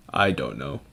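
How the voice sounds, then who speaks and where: A young man chats on a live stream in a loose, rambling way, joking and laughing often. His voice sits fairly low. The talk is relaxed and unscripted. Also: gravelly, slightly rough. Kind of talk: casual live-stream chat.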